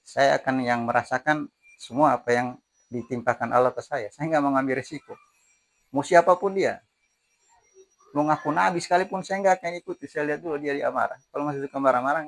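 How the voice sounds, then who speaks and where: A man's voice: medium pitch, creaky. A man preaching a religious sermon, emphatic and repetitive, mixing colloquial slang with recited verses. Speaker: Islamic preacher.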